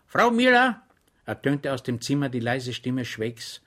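A man's voice: mid-range voice, big pitch swings, a little slow, sharp tone. A man voicing a good-natured, bumbling middle-aged soldier, bedridden with rheumatism, who talks with solemn cheer and bellows war songs. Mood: hushed solemn.

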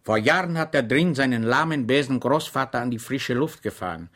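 A man's voice: medium pitch, animated, brisk, fairly bright tone. A man voicing a good-natured, bumbling middle-aged soldier, bedridden with rheumatism, who talks with solemn cheer and bellows war songs. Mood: earnest.

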